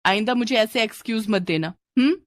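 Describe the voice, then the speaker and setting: A woman's voice: fairly high pitch, a little fast, no room sound, natural voice. A woman voicing a strict female schoolteacher who scolds her class sharply. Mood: stern.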